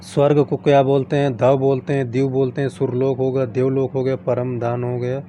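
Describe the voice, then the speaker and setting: A man's voice: medium pitch, flat delivery, normal speed, dark tone, a little hiss or hum. A man teaching an exam-prep lesson, rattling off long lists of synonyms in set phrases and reminding students what to memorise.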